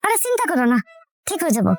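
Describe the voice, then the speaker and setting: A chatty young village wife. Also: female voice, extremely high pitch, rapid-fire, creaky, no echo, studio quality, exaggerated voice. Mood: coaxing. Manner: chatty, lively and scheming.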